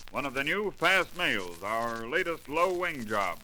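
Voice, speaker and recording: Brusque, forceful old-radio airline boss. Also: male voice, medium pitch, big pitch swings, a little slow, heavily acted, poor audio. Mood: impatient. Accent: American. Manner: clipped, commanding, impatient. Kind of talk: 1930s American radio drama acting. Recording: old 1930s radio recording, faint noise.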